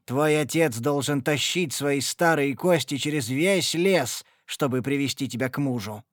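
A man's voice: on the high side, unhurried, dry recording, clean studio sound, close to an everyday voice. A man voicing a brutal old mercenary father who roars harsh scolding at his daughter. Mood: furious.

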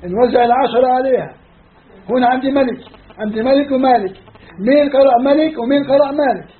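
A man's voice: extremely high pitch, fast. A man with a Levantine Arabic accent giving a classroom lecture as a religious teacher, emphatic and counting off his points one by one. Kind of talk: classroom lecture on scripture study. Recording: phone-like narrow band.

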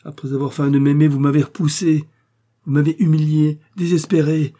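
A man's voice: mid-range voice, fairly quick, warm tone, husky, close to an everyday voice. A man reading aloud voices a distraught, proud young woman who accuses and reproaches in a raised voice. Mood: angry. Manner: pleading then bitterly accusing.

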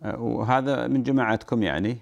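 A man hosting a radio call-in show, giving religious answers to callers with a formal opening and short, brisk replies. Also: mid-range voice, creaky, lo-fi sound. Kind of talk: phone-in religious advice show.

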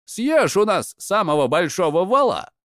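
A man's voice: high-pitched, big pitch swings, moderate pace, fairly bright tone, no room sound, clean studio sound, voice pushed up. A man reading a fairy tale aloud and voicing giant men disguised as shepherds who taunt and challenge a hero.

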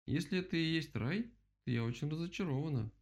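A man's voice: a little high, lively intonation, fast, darkish tone, voice pushed up. A man voicing a confused, polite female owl who has just woken up. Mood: puzzled. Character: bewildered sleepy female owl.

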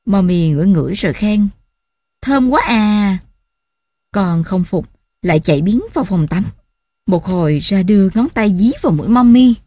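A woman's voice: fairly low pitch, a little fast, dry recording, studio quality. A woman, tenderly telling stories as a mother. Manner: tender, gently affectionate storytelling. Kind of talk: storytelling narration.

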